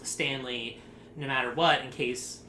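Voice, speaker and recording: Steady and unhurried, a man with a mid-range voice hosts a casual group podcast, rambling, sarcastic and quick to laugh. The recording carries room echo and faint noise.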